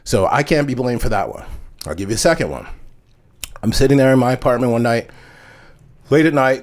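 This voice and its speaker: Man, vlog host, candid storytelling, swears freely, mid-pitched voice. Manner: frank, profane, heavy use of "like".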